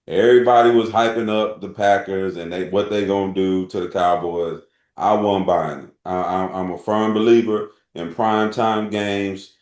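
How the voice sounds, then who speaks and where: A man's voice: on the low side, a little mellow, roomy sound. A man talking as a panelist in a casual sports debate, making his points emphatically and repeating them.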